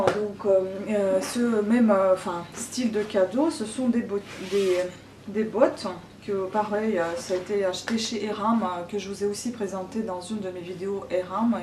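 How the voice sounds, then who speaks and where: A woman's voice: mid-range voice, noisy background. A woman, chatting hesitantly to camera as a vlogger showing her gifts. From Ukraine. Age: 30s. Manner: chatty, hesitant, many pauses. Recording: roomy, distant from the mic.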